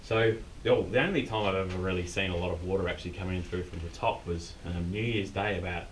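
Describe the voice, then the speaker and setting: A low-voiced Australian man gives an informal, unscripted guided tour inside a cave. He is picked up from a distance, with a noticeable rumble of background noise around his casual explanations. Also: fast talker. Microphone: distant camera mic.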